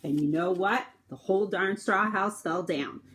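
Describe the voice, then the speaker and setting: Casting: a woman as a self-excusing storybook wolf, folksy and insistent, mid pitch, with clear background noise. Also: moderate pace, fairly bright tone, close to an everyday voice. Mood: self-justifying. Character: aggrieved, self-excusing wolf telling his side of events. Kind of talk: children's picture-book read-aloud.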